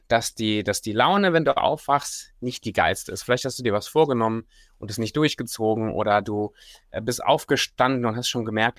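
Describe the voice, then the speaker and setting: A man's voice: mid-range voice, dry recording. Informal male coach, dry sound. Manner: informal, direct address with casual swearing. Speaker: livestream host, self-development coach. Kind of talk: casual motivational talk and guided breathing and gratitude exercise.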